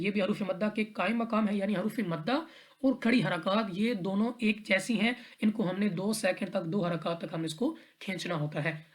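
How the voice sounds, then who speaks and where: A woman teaching tajweed, explaining recitation rules one letter at a time in a patient, repetitive way. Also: mid-range voice. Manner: patient, step-by-step, repeats rules and checks in with "theek hai".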